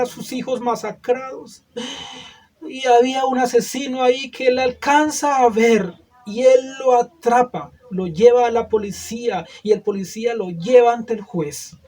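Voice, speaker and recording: A man's voice: very high voice, unhurried, a little mellow. A male preacher giving a sermon, earnest and full of rhetorical questions to the listeners.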